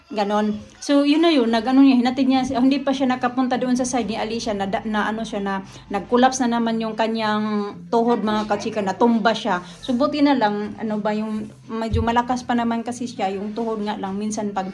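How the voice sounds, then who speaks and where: A family vlogger from the Philippines tells a story in casual chat, often addressing her viewers directly. Her voice is on the high side and darkish, steady in tone, and fairly quick.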